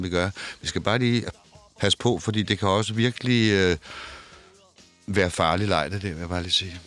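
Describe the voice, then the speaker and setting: A man's voice: fairly low pitch, fairly bright tone. An older man being interviewed in a studio, talking casually and stammering, often repeating words and restarting. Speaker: interview guest. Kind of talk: casual conversation. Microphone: headphones and studio mic.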